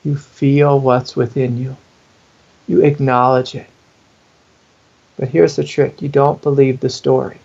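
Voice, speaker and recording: A man's voice: medium pitch, little pitch movement, unhurried, gravelly, pauses often, darkish tone, muffled recording. A man who is a spiritual teacher, answering in an interview in an earnest, intimate way and sometimes acting out the inner voices he describes.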